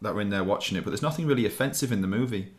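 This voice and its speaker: Male co-host, low voice, upbeat film chat. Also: very fast. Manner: enthusiastic, emphatic. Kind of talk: casual film review chat.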